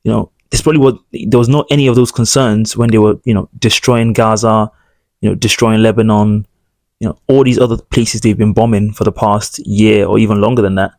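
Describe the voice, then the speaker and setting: A man's voice: fairly low pitch, fairly even intonation, fairly quick, a little mellow, no echo. A man hosting his own channel, giving emphatic, indignant commentary on news clips in long run-on sentences. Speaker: political commentary host.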